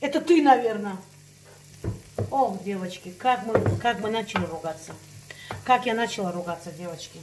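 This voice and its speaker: A woman's voice: medium pitch, moderate pace, a little hiss or hum. A woman ranting in a casual chat to her viewers, heated and emphatic, repeating herself for effect. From Russian-speaking, living in Spain. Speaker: vlogger.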